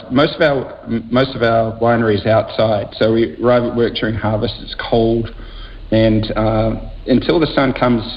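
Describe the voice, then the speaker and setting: A man speaking as a guest winemaker, reflecting lyrically on the land and the seasons in a relaxed chat. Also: medium pitch. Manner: reflective, lyrical about landscape. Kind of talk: casual interview chat. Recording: dull lo-fi with faint noise.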